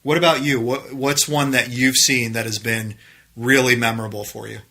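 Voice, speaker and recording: A man with a bright voice, talking casually as a podcast co-host. He wanders through his thoughts with plenty of "um"s and keeps the chat going with questions. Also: mid-range voice, little pitch movement, moderate pace. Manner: rambling, many fillers, asks questions back.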